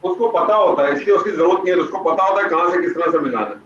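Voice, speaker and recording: Male grammar teacher over a video call, high voice, echoey muffled audio, patient and probing. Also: a bit bright, a little hiss or hum. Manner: patient, questioning students by name. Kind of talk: online class teaching.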